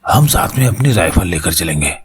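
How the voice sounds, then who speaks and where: A man's voice: deep voice, big pitch swings, a little fast, a little hiss or hum, pitched below the performer's own voice. A man voicing a courteous, slightly tipsy middle-aged male officer. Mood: eager. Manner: courteous, then eager and businesslike.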